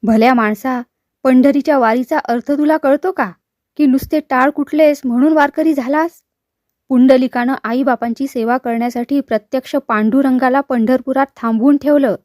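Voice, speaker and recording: A woman's voice: high voice, steady tone, moderate pace, darkish tone, no echo, studio quality, lightly acted. A woman voicing a stern male superintendent of a leprosy home who reproaches and coaxes, in a storybook reading. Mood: reproaching.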